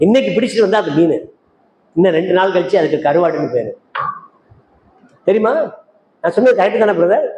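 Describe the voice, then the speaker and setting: A man's voice: high voice, expressive, fairly quick, pauses often, warm tone. An older man preaching a sermon as an evangelist, firing rhetorical questions at the congregation and calling out to listeners by name. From Tamil Nadu, India. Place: church meeting hall. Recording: echoey hall with faint noise.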